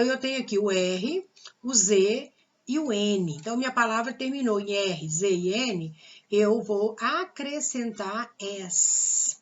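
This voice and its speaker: A woman's voice: fairly high pitch, lo-fi sound. A woman teaching a grammar lesson with a Brazilian Portuguese accent, patiently repeating the rules and asking rhetorical questions.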